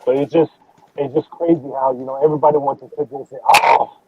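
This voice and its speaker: A man's voice: medium pitch, steady tone, quick pace, noisy background. Muffled man, like through a wall. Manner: insistent, repeats and restarts phrases. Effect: muffled, as if heard through a wall. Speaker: sports talk panelist. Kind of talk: casual sports debate. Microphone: earbuds on a remote call. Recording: muffled tinny phone-like line.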